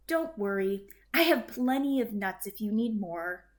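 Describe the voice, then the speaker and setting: A woman's voice: mid-range voice, expressive, a little slow, close to an everyday voice. A woman voicing a kindly, chatty old woman who fusses over her guest in a children's storybook. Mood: gently fussing. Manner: hospitable, fussing, exclaiming. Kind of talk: children's storybook read-aloud.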